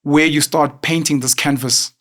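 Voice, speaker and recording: A South African man hosts an interview conversation, speaking in an effusive, chatty, admiring way. His voice sits on the high side and is a bit bright, with a steady tone and a moderate pace.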